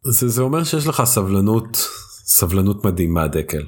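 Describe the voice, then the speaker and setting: A man with an Israeli accent and a husky voice, chatting casually about games as a podcast co-host. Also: fairly low pitch, very animated, a little mellow. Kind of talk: casual gaming chat.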